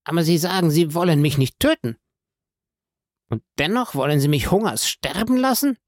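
A man's voice: fairly high pitch, animated, normal speed, dry recording, pitched above the performer's own voice, natural voice. A panicked, greedy banker pleads and haggles for his life in an audiobook, as a male reader puts him on. The voice sits well above the reader's own, dry and close. It turns frantic and defiant by turns. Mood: desperate. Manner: pleading, bargaining, rising to frantic outbursts. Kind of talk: audiobook reading.

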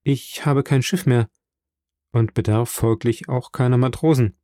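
A man voicing a grieving, kindly middle-aged shipowner in an audiobook, with an earnest, warm delivery. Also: mid-range voice, unhurried, no echo, studio quality, natural voice. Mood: sorrowful, kind.

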